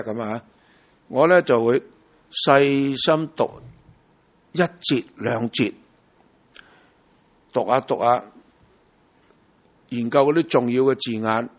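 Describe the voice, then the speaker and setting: A man from Hong Kong preaching a sermon in a Hong Kong Cantonese accent. He talks emphatically and keeps asking the congregation rhetorical questions. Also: mid-range voice.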